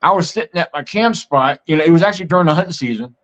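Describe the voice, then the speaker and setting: Podcast host guy, kinda high voice, rambly casual storytelling, muffled lo-fi sound. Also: animated, very fast, a bit bright. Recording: muffled lo-fi audio.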